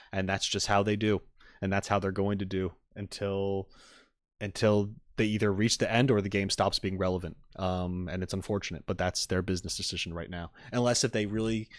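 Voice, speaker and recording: A man chats casually on a live stream, rambling and thinking aloud as he reacts and offers tentative opinions to viewers. His voice is on the low side, with clean studio sound and no echo.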